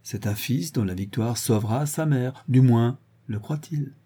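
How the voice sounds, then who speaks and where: A man voicing a cruel, unhinged male villain in an audiobook reading, ranting and gloating, swinging between loud shouts and low hisses. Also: measured pace, breathy edge.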